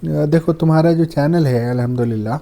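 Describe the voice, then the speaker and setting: A man's voice: fairly high pitch, vocal fry, mellow. A man, a guest poet, talking about poetry in a humble, courteous way and quoting verse. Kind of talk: reflective conversation on poetry.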